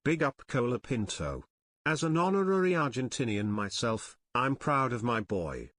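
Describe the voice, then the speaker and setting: A synthetic male text-to-speech voice reading out a chat message in an even, flat way. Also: medium pitch, moderate pace.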